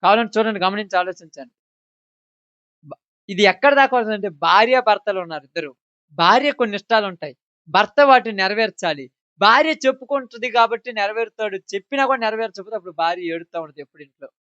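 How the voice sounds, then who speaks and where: A man preaching a sermon, talking straight to his listeners and swinging between loud emphasis and quiet asides. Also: sits high, lively intonation, quick pace, no room sound. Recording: dull dry recording.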